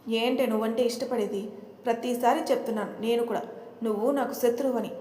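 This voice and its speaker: A man's voice: very high-pitched, steady tone, brisk, darkish tone. A woman voicing an angry, protective young husband who talks in a stern, scolding way, in a roomy, echoey recording with faint noise. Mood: furious.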